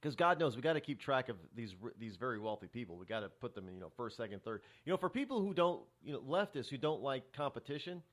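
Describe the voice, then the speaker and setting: A man's voice: mid-range voice, very animated, fast, few pauses, fairly bright tone. A middle-aged man hosting a talk show, rambling through a casual monologue with many restarts and fillers.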